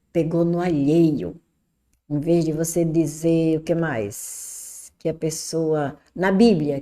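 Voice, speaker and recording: A woman from Brazil, a Portuguese teacher correcting an exam, chatty and lively, asking and answering her own questions. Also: fairly low pitch.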